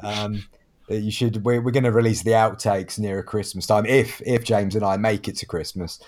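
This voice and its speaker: A man's voice: lowish voice, steady tone, moderate pace, background noise. A man hosting a podcast in a chatty, self-deprecating, casual way. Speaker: podcast host.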